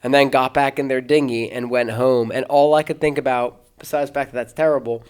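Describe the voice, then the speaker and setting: A man's voice: mid-range voice, fairly even intonation, a little fast, smooth. A man, an American pastor and podcast host, telling long anecdotes in casual chat, with many restarts and bursts of laughter.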